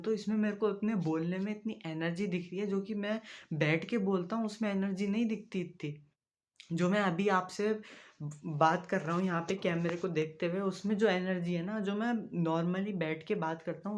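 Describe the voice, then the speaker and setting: A young man, talking casually to the camera in a vlog. He is soft-spoken and rambling, with frequent fillers. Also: sits high. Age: young adult. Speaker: vlogger.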